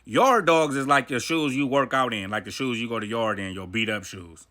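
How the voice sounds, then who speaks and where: A man's voice: medium pitch, normal speed, pushed and bright. A man telling a personal story in a casual, profane, slang-heavy way. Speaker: vlogger. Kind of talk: storytime monologue.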